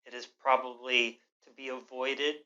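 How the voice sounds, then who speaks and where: A man giving an instructional yoga breathing lesson in a measured, explanatory, gently instructive way. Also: mid-range voice, level tone, highs cut off.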